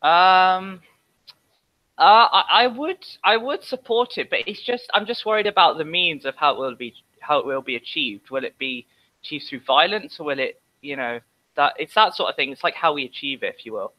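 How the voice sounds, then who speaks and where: A man's voice: a little high, lively intonation, normal speed. Earnest guest man over muffled call audio. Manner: earnest, repeats himself, starts with hesitations. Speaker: guest answering questions. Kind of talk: casual interview answers.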